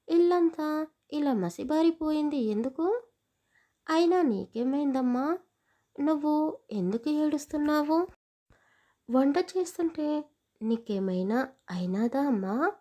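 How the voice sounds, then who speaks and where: A woman's voice: high-pitched, animated, takes it slowly, long pauses, warm tone. A woman voicing a kindly, fussing village grandmother who speaks in a fretful, pleading way in a storybook.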